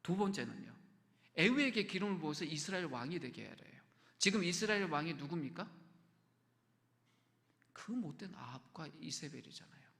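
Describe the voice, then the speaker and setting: Gravelly, bright-toned man preaching in a hall. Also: on the high side, sing-song, normal speed, long pauses. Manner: conversational preaching, asks the congregation questions, drops to soft whispers. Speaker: pastor. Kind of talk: sermon. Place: church sanctuary.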